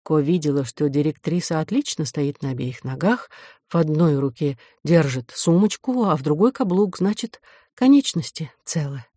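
A woman reading an audiobook aloud in a steady, measured narration. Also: low voice, no room sound, studio quality. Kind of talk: scripted narration.

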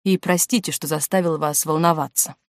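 A woman's voice: deep voice, fairly even intonation, brisk, no room sound, natural voice. A woman reading the part of a wounded, feverish young man in an audiobook. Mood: feverish, tender.

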